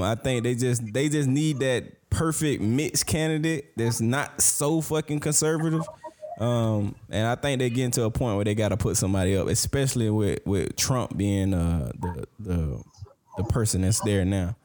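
A man's voice: mid-range voice, moderate pace, a little mellow. An American man talking politics casually in a laid-back, slangy manner.

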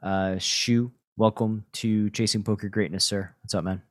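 Low-voiced man hosting a podcast, dry sound. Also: steady tone, normal speed, no room sound. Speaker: podcast host. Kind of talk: conversational podcast interview.

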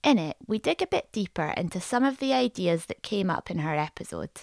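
A woman podcast host reads scripted narration with animated pitch and some vocal fry. Her voice sits a little low. The sound is dry. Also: brisk, dry recording.

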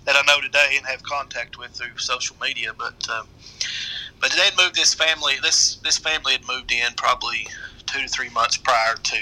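A middle-aged man with an Appalachian accent, telling a story casually in a halting, rambling way. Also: medium pitch, pushed and bright, low-quality recording. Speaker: guest storyteller.

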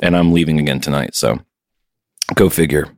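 Low voiced guy in his home studio, dry close sound, joking and swearing on a chatty podcast. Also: moderate pace, darkish tone, no room sound. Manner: loose, joking and profane. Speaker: podcast co-host and touring musician. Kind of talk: casual podcast chat.

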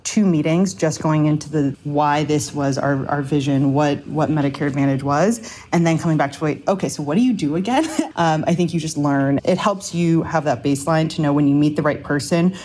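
A woman with a low-pitched voice gives a conversational panel answer. She speaks as a founder and slips into quoted dialogue as she explains. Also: steady tone, normal speed, few pauses, warm tone. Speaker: startup founder, panel guest.

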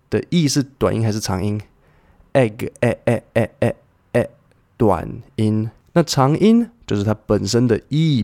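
A man with a Taiwanese Mandarin accent hosts a casual podcast lesson on pronunciation. His voice sits at a middle pitch. He walks through each vowel patiently and drags out the sounds he models. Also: a little mellow. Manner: demonstrates sounds with slow, stretched repetition. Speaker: podcast host teaching English pronunciation.

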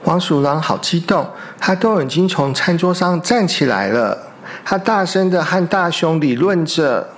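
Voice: mid-range voice, expressive. A storyteller, reading a picture book aloud to young children and asking them questions. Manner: slow, gentle, asks the children questions.

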